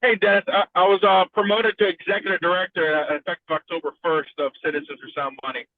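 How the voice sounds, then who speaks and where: A man calling in on speakerphone while driving, asking halting questions with restarts over a phone line. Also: high voice, steady tone, no echo. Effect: phone call from a moving car on speakerphone. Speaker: panel participant calling in. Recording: tinny dry phone line.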